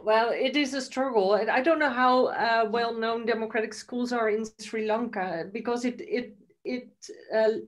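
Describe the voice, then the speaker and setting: A woman's voice: on the high side, moderate pace, few pauses. A woman from the Netherlands answering a question on a video call, hesitant, with many restarts.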